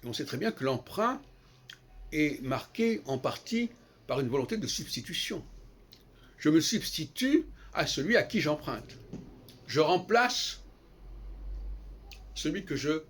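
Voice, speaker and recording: A man giving an unscripted, lecturing monologue on language, halting and digressive with frequent restarts. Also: on the high side, very animated, fairly bright tone, husky. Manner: lecturing, explanatory. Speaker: solo commentator on language.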